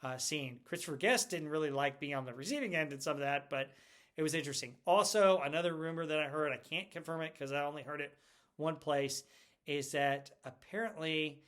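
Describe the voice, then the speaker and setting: A man's voice: on the high side, a little fast, a bit bright. A middle-aged man hosting a casual pop culture video, chatty and rambling, laughing often as he talks. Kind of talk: casual movie retrospective talk.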